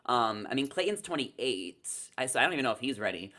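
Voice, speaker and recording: A man's voice: medium pitch, sing-song, fairly quick, sharp tone. A young man co-hosting a reality TV recap, giving casual, chatty and emphatic live commentary over a video call. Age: young adult. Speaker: co-host of a reality TV recap show. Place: small indoor room, video call.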